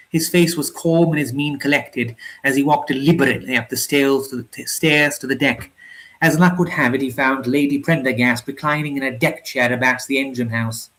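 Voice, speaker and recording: Man reading a story aloud. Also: mid-range voice. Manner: steady, with occasional slips and restarts. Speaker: audiobook reader.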